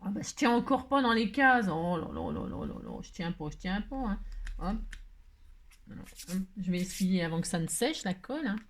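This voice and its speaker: A woman's voice: mid-range voice, very animated, moderate pace. A woman hosting a casual crafting tutorial, chatty and playful, joking as she works. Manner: chatty, playful, full of filler tags. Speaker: craft video host.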